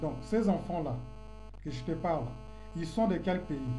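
A man's voice: on the high side, lively intonation, normal speed. A man making his case earnestly in an online debate, repeating phrases for emphasis. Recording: roomy room with clear music behind.

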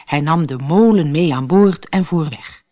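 A woman narrating a children's storybook in a lively, expressive reading. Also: low voice, measured pace.

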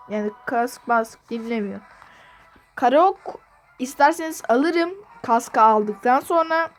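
A woman with a high voice talks through her gameplay for her channel, excitable and given to repeating the same phrase again and again. Faint game music plays underneath. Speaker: gaming channel host. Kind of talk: gameplay commentary.

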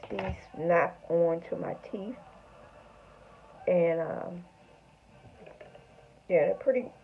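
A middle-aged woman talks toothlessly in a casual, halting video diary. Her voice sits on the low side and moves very slowly. The sound is tinny and phone-like, captured in a room at home. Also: gravelly, breathy edge. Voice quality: toothless speech, front teeth missing. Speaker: vlogger. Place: small home room, indoors.

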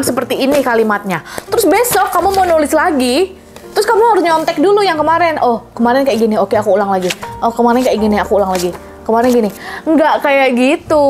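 A young woman coaching viewers in a casual Q&A monologue, chatty and encouraging, dropping English phrases into her talk. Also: sits high. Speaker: manifestation coach.

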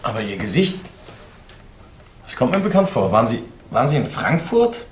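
A man's voice: mid-range voice, sing-song, moderate pace, slight background noise, natural voice. An actor playing a polite, nervous student in his twenties, speaking hesitantly in a naturalistic short film. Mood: polite, curious. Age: 20s. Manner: hesitant, nervous, chuckling filler speech. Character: polite, awkward, eager young male student flat-hunter. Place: indoor living room.

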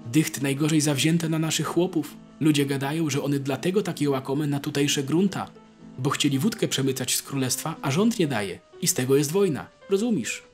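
A man's voice: mid-range voice, big pitch swings, normal speed, pushed and bright, soft background music. A man voicing a shrewd, boastful older peasant soldier who talks in a folksy rural dialect, scaring his comrade. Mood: boastful, scaremongering.

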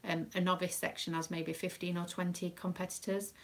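A British woman, a proud dance mum and craft live-streamer, chats casually on a live stream. Her lowish voice is flat and a little fast, and she rambles with lots of ums.

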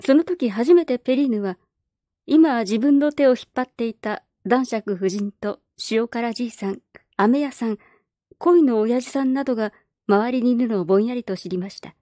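Audiobook narrator: calm woman, mellow and slightly high voice. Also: normal speed, no room sound, clean studio sound. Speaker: narrator reading a novel aloud. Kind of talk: scripted storybook narration.

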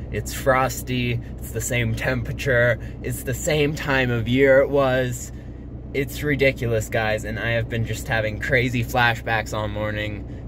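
A young man telling a casual story for his vlog, loose and swearing, his voice still rough from the morning, recorded on a phone in a car on a frosty morning. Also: mid-range voice, background noise. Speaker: vlogger.

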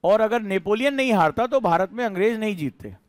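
A man's voice: high-pitched, expressive, a little fast, no room sound. A man teaching a history class in a conversational lecture style, asking his students questions as he explains.

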